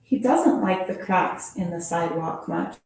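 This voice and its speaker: A woman teacher reads a children's picture book aloud in a playful, expressive storytelling style, adding little sound effects. Her voice is on the low side and her pace measured. She is recorded from far off in a very echoey room.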